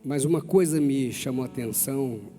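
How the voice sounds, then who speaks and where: A man with a Brazilian Portuguese accent preaching a sermon as pastor, animated and calling on the congregation to respond. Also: mid-range voice, normal speed. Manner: animated, calls on the congregation to repeat after him. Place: large church hall. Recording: long church-hall reverb, faint music.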